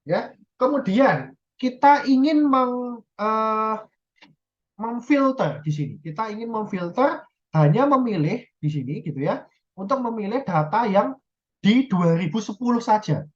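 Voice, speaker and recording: A woman's voice: fairly high pitch, expressive, unhurried. Woman lecturing, dull lo-fi recording. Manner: explains step by step, often checks "ya" and self-corrects.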